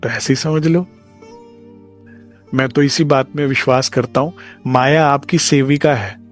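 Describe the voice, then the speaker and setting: A man's voice: mid-range voice, steady tone, measured pace, faint music behind. A man giving a devotional discourse as a spiritual teacher, talking conversationally and acting out short dialogues.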